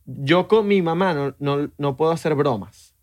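A man's voice: a little high, unhurried, darkish tone, no echo. A man with a Venezuelan accent co-hosting a podcast, telling stories in casual chat. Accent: Venezuelan Spanish. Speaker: podcast co-host.

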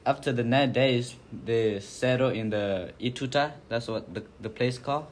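Young man telling a family story, halting. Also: mid-range voice, a little hiss or hum. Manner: halting, repeats words, plain speech. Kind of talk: casual classroom discussion.

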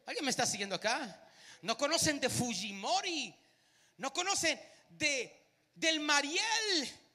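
A man preaching a live sermon, animated and speaking to the crowd with frequent questions. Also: very high-pitched, a little slow, big-room sound.

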